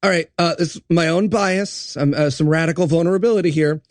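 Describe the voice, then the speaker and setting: A man's voice: on the high side, a little fast, no echo, studio quality. A man co-hosting a podcast, riffing with crude, sarcastic jokes. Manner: crude, sarcastic, animated joking. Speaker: podcast co-host. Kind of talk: casual comedic banter.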